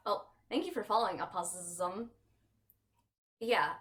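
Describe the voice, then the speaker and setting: A woman's voice: mid-range voice, measured pace, heavy background noise. A woman hosting a livestream in casual, sweary, giggly watchalong chat. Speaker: livestream host. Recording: music playing behind voice.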